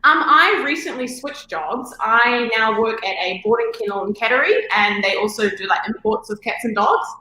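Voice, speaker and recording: A woman's voice: on the high side, expressive, normal speed, few pauses, bright, forceful tone. A woman with a New Zealand accent chatting casually as a livestream guest, upbeat and giggly. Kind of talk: casual chat. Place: empty room under renovation, indoors. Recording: echoey empty room, faint noise.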